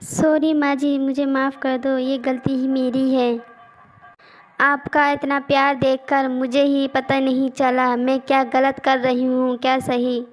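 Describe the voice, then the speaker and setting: A woman's voice: high voice, flat delivery, unhurried. A woman voicing a young scheming daughter-in-law in a cartoon story, pleading and whiny. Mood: apologetic.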